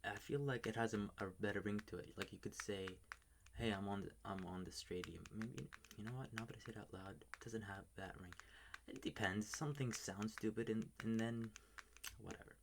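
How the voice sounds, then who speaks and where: Low whispering man ranting into a mic. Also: fairly quick, creaky, background noise. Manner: whispering, ranting, swears often. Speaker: ASMR video maker. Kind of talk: whispered ASMR rant. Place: bedroom at home at night. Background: faint keyboard tapping and clicks.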